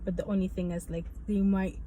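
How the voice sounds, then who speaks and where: In a casual health-update vlog, a woman rambles along and keeps repeating herself. Her warm, mid-range voice has little pitch movement and runs a little fast, with faint noise behind it.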